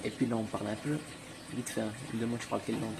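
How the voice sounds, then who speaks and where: A man's voice: on the low side, level tone, racing, vocal fry, background noise. A young man from Portugal vlogging his travels, chatting casually and jokingly to his viewers. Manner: slangy, joking, addresses viewers as "les gars". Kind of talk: casual vlog chat to camera.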